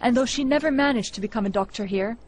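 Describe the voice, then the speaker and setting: A woman reporter reading a scripted news narration in a measured, clear delivery. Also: a little high, a little mellow.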